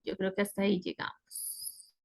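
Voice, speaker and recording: A woman's voice: mid-range voice, completely flat delivery. A woman teaching an English grammar lesson in a web conference, explaining patiently and checking in with her students. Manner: slow, explanatory, asks "¿sí?" and "¿cierto?". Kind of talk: online class lecture. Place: video call.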